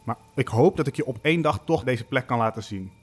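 Man voicing a pale ghost boy from the walls, hushed and coaxing, mid-pitched. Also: lively intonation, fast talker, breathy edge. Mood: eerie coaxing.

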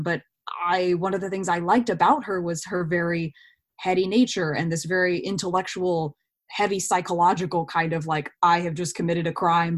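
This lowish-voiced woman is an actor in an interview, speaking casually as she shares anecdotes. She often puts her own thoughts into quoted lines.

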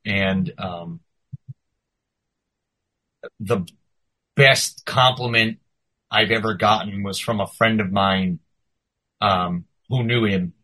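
A man with a bright, forceful voice talks as a podcast guest musician. He rambles and tells stories in a relaxed, chatty way. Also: lowish voice, slow pace, pauses often, poor audio. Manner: rambling, animated storytelling. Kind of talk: casual podcast chat.

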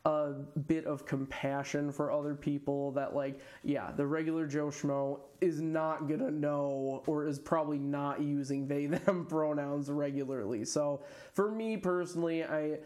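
A female, AFAB podcast guest with a fairly low, mellow voice talks casually at a measured pace and steady tone. She's hesitant and rambling, full of fillers and restarts, and often laughs mid-sentence.

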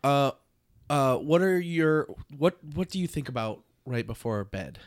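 A man's voice: mid-range voice, animated, measured pace. A man trading casual jokes as a podcast co-host. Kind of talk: casual comedic banter.

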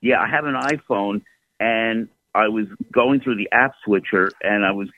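A man in his seventies calling in to a radio show, telling stories in a steady, detailed way over a phone line. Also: lowish voice, moderate pace, dry recording. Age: 70s. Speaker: caller. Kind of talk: call-in radio chat.

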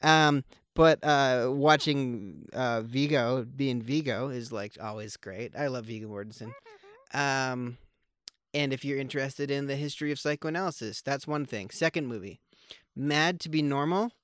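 Podcast co-host, male: easygoing rambler, smooth and resonant voice, close and dry. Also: medium pitch, unhurried, a bit bright, dry recording. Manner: rambling, with many fillers and restarts; joking, wry. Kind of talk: casual conversational film chat.

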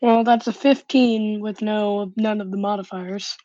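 A woman's voice: mid-range voice, steady tone, unhurried, warm tone, no room sound. A woman playing a tabletop game, giving short easygoing answers. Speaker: player. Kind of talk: casual tabletop game play. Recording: dull lo-fi.

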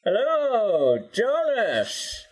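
A man voicing a menacing male villain with a transatlantic accent, speaking slowly and tauntingly in an improvised tabletop game. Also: very high voice, wildly swooping pitch, heavily acted, rough recording. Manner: slow, taunting, measured. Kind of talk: improvised tabletop role-play.

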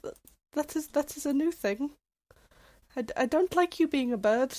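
Skittish young-sounding female traveler acted by a woman, high voice, earnest, stumbles over words, tabletop fantasy game. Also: lively intonation, mellow. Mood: wary, uneasy. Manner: halting, stammering, repeats words. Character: Sasha, skittish female traveler afraid of birds, halting, earnest.

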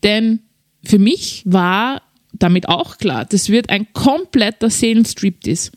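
A woman's voice: medium pitch, slow, no echo, clean studio sound. A middle-aged woman telling a confessional personal story as a podcast host, drawing out key words for drama. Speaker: podcast host and keynote speaker.

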